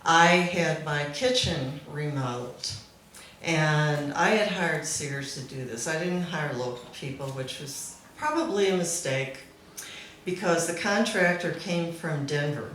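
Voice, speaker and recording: At a memorial gathering, a woman with a low-pitched, fairly bright voice tells an informal anecdote unhurriedly, amused and often laughing as she speaks. She's in a back room at a live event, and the recording is very echoey with faint noise.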